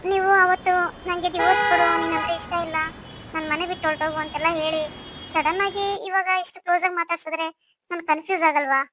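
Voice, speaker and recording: A woman's voice: very high-pitched, fairly even intonation, fast, background noise. A woman voicing a young orphaned wife in a cartoon story, pleading and full of questions. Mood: questioning.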